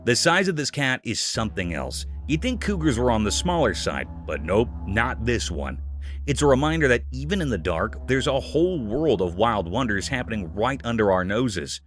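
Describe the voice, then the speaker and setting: A man's voice: medium pitch, sing-song, moderate pace. A man giving a scripted narration in a chatty, folksy storytelling tone. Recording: clear music bed behind. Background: music.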